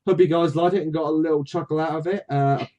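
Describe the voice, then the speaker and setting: A man's voice: fairly high pitch, steady tone, fast, warm tone, muffled recording. A man hosting a casual chat and reading from a book, talking freely with many fillers. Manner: chatty, with many fillers and laughs. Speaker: author and channel host.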